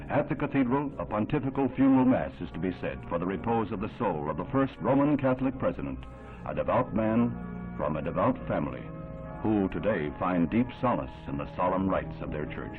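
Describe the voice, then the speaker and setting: A man giving solemn, measured, formal narration in an old 1960s newsreel. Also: sits low. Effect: old 1960s newsreel sound. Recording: thin narrow-band old film audio with music underneath.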